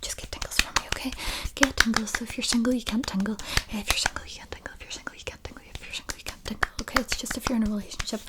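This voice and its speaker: A young woman doing a whispered role-play in fast, aggressive ASMR style, insistently repeating and stuttering words in rapid bursts. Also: a little high. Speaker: ASMR video creator.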